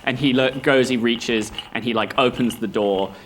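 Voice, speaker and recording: A man's voice: mid-range voice, fairly even intonation, moderate pace, a bit bright, a little hiss or hum. A man narrating a tabletop role-playing game as game director, describing scenes in a rambling, amused way.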